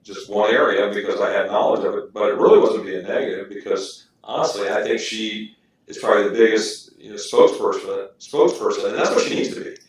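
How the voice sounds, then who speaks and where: A man at a library board meeting, speaking earnestly and at length. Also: fairly low pitch. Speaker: board member at a public meeting. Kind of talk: meeting discussion. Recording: echoey room, mic far off, faint noise.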